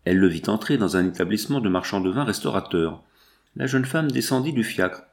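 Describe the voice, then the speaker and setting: Male audiobook narrator, fairly low voice, measured and even. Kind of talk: scripted narration.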